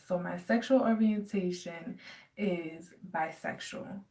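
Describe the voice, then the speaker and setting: A woman's voice: on the low side, slow pace, mellow, distant mic. A woman in her twenties from the United States chatting casually in a home Q&A vlog, rambling with many fillers. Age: 20s. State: dry throat. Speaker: vlogger.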